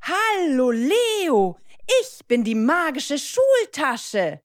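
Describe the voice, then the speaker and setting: A woman's voice: high voice, big pitch swings, very slow, no echo, clean studio sound, voice pushed up, heavily acted. A woman voicing a friendly magical talking school bag that plays a guessing game, in a storybook reading. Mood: playful. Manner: cheery, playful quizmaster.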